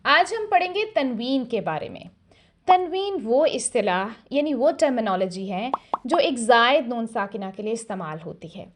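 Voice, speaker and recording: Woman, Urdu accent, recitation teacher, measured and patient, slightly high voice. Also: background noise. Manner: calm, measured, models syllables slowly and clearly. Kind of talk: scripted tajweed lesson.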